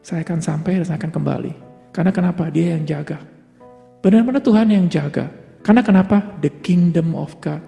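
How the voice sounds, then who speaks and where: A man's voice: fairly high pitch, brisk, creaky, dark tone. A man preaching a sermon, asking rhetorical questions and answering them himself, building to emphatic peaks and dropping English words into his talk. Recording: long hall reverb with faint music behind.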